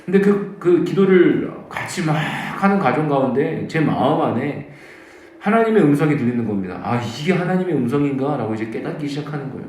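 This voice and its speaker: A man's voice: a little high, animated, brisk, darkish tone. A male pastor preaching at a dawn service, telling his own story and acting out the voices he quotes. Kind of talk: sermon with personal testimony. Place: church sanctuary. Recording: very echoey church hall.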